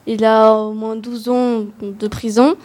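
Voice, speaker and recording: Mellow, flat-toned woman guest. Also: fairly high pitch, slow. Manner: earnest, with restarts and fillers. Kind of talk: radio discussion.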